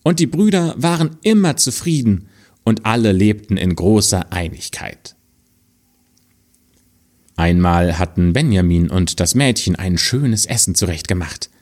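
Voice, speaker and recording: Man, fairy-tale reader, low voice, lively melody, slow pace. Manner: slow, expressive storytelling. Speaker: storyteller. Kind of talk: fairy tale read aloud.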